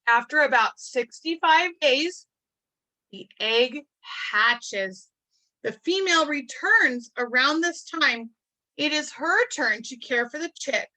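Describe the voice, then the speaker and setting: A woman reading a picture book aloud to children, marveling in a gentle, teacherly way and adding chatty asides to explain things. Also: sits high, lively intonation, slow, poor audio. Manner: adds chatty explanatory asides between passages.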